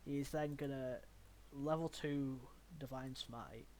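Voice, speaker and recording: Rambling young game master. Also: male voice, medium pitch, fairly even intonation, slow pace, a little mellow, a little hiss or hum. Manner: rambling, filler-heavy, laughs at his own narration. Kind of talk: narrating a tabletop game.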